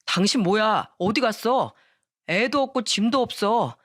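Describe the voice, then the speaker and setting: A woman's voice: mid-range voice, expressive, a little slow, fairly bright tone, no echo, studio quality. A woman doing an irritated, self-centered husband. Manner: defensive, irritated.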